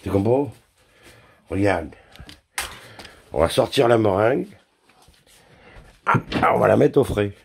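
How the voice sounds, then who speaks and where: His voice is lowish and gravelly, animated yet a little slow, with frequent pauses and a faint hiss or hum in the audio. The man is a home cook vlogger chatting to viewers from his kitchen as he works, joking about his blunders and swearing crudely throughout.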